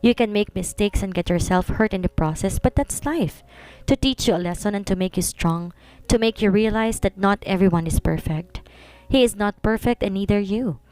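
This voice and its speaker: A woman's voice: mid-range voice, moderate pace, darkish tone, clean tone, close to an everyday voice. A woman voicing a frank young female cousin who lectures firmly. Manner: lecturing, firm.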